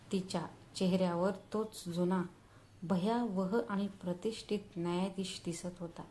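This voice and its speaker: A woman narrating a scripted family drama story as a channel storyteller, reading in a slow, deliberate, dramatic way. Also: fairly low pitch, darkish tone, a little hiss or hum, poor audio.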